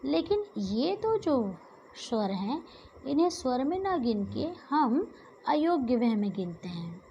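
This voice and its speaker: A woman teacher with a high voice walks through a grammar lesson at an unhurried pace. She asks questions and answers them herself, and she stretches each example sound. The recording is a little dull, with faint hiss underneath. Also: very animated, mellow.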